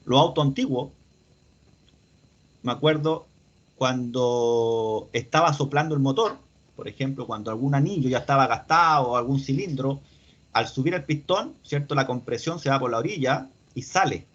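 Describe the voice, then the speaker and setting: A man's voice: medium pitch, normal speed, fairly bright tone. Man teaching a mechanics class. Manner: explanatory, asks questions to students. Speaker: instructor. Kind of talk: online class lecture. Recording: dull lo-fi audio.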